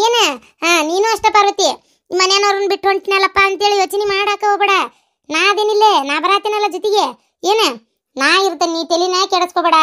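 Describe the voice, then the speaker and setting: A woman's voice: very high voice, a bit bright. A woman voicing fussing, consoling village relatives in a comedy cartoon, with a North Karnataka Kannada accent. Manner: scolding, consoling, folksy. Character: fussing family elders and relatives.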